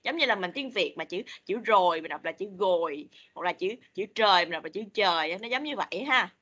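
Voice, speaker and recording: A woman English teacher leading an online class for children, patiently repeating words slowly for them to copy. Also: fairly low pitch, animated, bright, forceful tone, muffled recording. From Vietnam. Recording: video call meeting recording.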